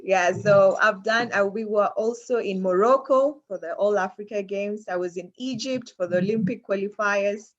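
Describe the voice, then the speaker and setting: Woman, Kenyan accent, mid-pitched, chatty interview guest, casual, repeats for emphasis, slightly dull sound. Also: moderate pace, hardly any pauses.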